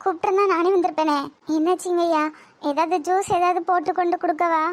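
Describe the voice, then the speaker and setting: A humble house maid, as a woman voices her, high-pitched and eager to please, speaking deferential Tirunelveli Tamil in a cartoon. Her voice is high and light. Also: fairly even intonation, fast talker. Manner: deferential, says "ayya" often.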